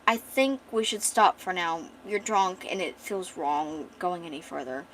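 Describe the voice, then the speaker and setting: A woman doing a gentle, protective young husband. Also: on the low side, a little slow, slight background noise, low-quality recording. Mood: gentle reassurance. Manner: calm, earnest reassurance.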